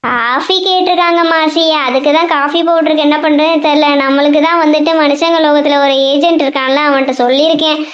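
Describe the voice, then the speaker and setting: Poombu, someone voicing a whiny high-pitched monster. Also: steady tone, fast talker, fairly bright tone. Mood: worried. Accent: Tamil. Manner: whiny, complaining rant. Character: fretful male monster, grumbling and put-upon. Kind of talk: cartoon voice acting. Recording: roomy, dull lo-fi sound.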